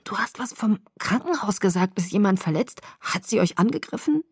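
A woman voicing a half-drowned, shivering young woman who speaks in a hoarse, croaking whisper. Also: medium pitch, lively intonation, moderate pace, darkish tone, no echo, studio quality. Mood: hoarse, weak.

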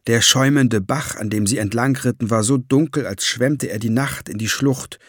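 A man reading a fantasy novel aloud as audiobook narration, measured and steady. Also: medium pitch, slightly rough, no echo, clean studio sound. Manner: measured storytelling.

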